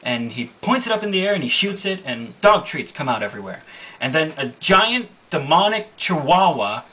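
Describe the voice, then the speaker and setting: Young man, casual manga recap, rambling, bright voice, distant mic, faint hiss. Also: fairly high pitch, very animated, normal speed. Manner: rambling, self-correcting, amused. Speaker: manga reviewer.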